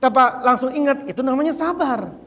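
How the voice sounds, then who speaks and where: High-voiced preacher in an echoey hall. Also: male voice, fairly quick. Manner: animated, repeats phrases, acts out quoted speech. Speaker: Islamic teacher. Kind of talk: religious book study lecture.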